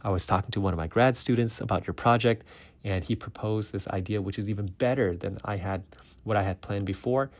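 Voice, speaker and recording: Man quoting a brisk woman professor. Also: lowish voice, lightly acted. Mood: eager. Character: woman professor, eager then disappointed.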